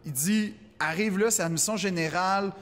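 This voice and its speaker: A man with a Québécois French accent tells a stand-up story in casual chat, animatedly acting out the voices of the people in it. His voice is high-pitched at a moderate pace, with a long reverb tail.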